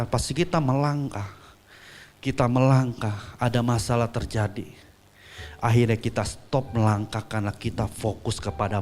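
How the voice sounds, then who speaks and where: A man preaching a sermon, telling a story with acted-out voices and swinging from soft asides to loud peaks. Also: medium pitch. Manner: acts out quoted voices in dialogue.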